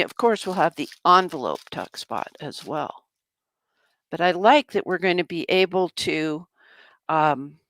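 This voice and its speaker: A slow-talking woman with a slightly low voice walks through her craft project in an easy, chatty way. She talks to herself as she glues and cuts. The sound is close and dry, with no room echo. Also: a bit bright. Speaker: craft vlogger. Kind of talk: casual crafting demonstration.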